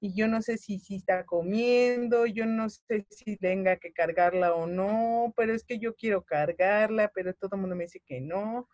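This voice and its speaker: Mexican woman, thirties, mother sharing her story, animated, emotional, quotes other people, dry close sound. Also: medium pitch, normal speed, few pauses, dry recording. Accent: Mexican Spanish. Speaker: guest mother. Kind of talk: personal story in conversation.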